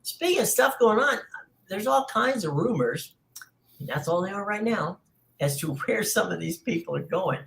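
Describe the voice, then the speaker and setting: Gravelly-voiced man hosting sports talk. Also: high-pitched, animated, normal speed, a bit bright, rough recording. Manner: rambling, many fillers. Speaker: sports show host.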